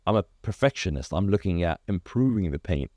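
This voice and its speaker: Brief: low, mellow male founder, animated storyteller, dry close sound. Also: fairly quick, no room sound. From Iraq. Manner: animated storyteller, acts out quoted dialogue, many restarts. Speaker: car detailing business founder, guest. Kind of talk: casual interview chat.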